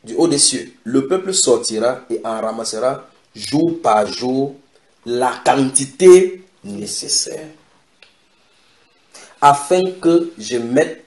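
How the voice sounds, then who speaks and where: A man preaching a sermon in an animated way, repeating key phrases for emphasis. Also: medium pitch. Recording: echoey room.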